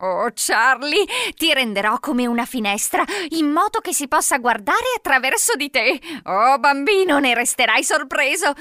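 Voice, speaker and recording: A woman voicing a boastful old woman who claims magic powers, in a storybook reading, with a shrill, coaxing and threatening manner. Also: animated, normal speed, bright, forceful tone, no echo, clean studio sound.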